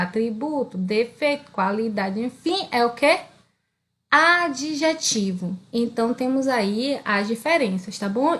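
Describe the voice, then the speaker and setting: With a Brazilian Portuguese accent, a woman teaches an online grammar lesson, asking questions and answering them herself. She keeps checking in with her students using "beleza?" and "tá?". Her voice is high-pitched and a bit bright.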